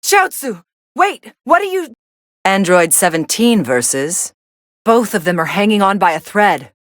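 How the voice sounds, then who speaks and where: An actress playing a cool, sardonic young female android, commentating on fights in a video game with a deadpan, dismissive delivery. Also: medium pitch, a little slow, no room sound, studio quality. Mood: startled, then cool, detached.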